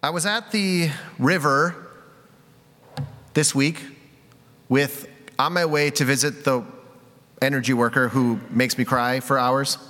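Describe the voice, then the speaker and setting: A man's voice: medium pitch, bright, forceful tone. A man giving a candid, confessional sermon, telling a personal story with self-deprecating laughs. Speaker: preacher. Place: church sanctuary. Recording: long reverb of a large hall.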